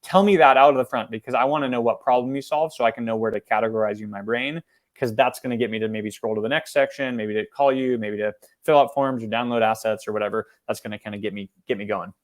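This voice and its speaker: Speaking quickly and energetically, a man with a mid-range voice presents a business marketing lesson in a webinar. His delivery is casual, peppered with fillers and false starts.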